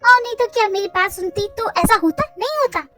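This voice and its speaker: A woman's voice: very high-pitched, brisk, bright, forceful tone, soft background music, voice pushed up. A woman voicing a strict middle-aged mother who is ill and scolds her daughter. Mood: scolding. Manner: scolding, insistent.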